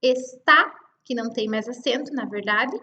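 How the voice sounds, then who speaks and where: A woman's voice: a little high, normal speed, bright, forceful tone, echoey room, highs cut off. A woman teacher with a Brazilian Portuguese accent giving an online class, explaining patiently step by step and checking in with her students.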